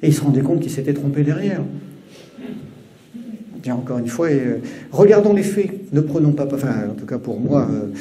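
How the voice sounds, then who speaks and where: A man's voice: mid-range voice, expressive, moderate pace, pauses often, warm tone. A man from Brittany, speaking as an analyst in an interview, hesitant and insistent. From Brittany, France. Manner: hesitant, with restarts and fillers, insistent. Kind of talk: interview answer. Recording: roomy echoey clip.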